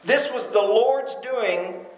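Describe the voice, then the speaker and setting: A man preaching a sermon in a church, with a high, light voice that rings around a roomy, echoey space. He delivers it with animated energy, sinking low for emphasis and acting out the cries of the crowd. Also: slow. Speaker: pastor.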